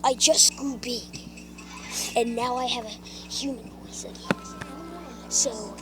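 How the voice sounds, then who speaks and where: Woman playing a slow, gloating red robot villain. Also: fairly high pitch, music in the background. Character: smug big red robot villain, male.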